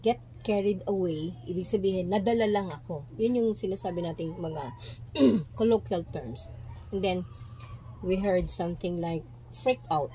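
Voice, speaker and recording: A woman with a Filipino accent teaching an English lesson, mixing English and Tagalog, explaining slowly, checking in with "okay?" and "di ba?", and clearing her throat often. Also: on the low side, dark tone, slight background noise, low-quality recording.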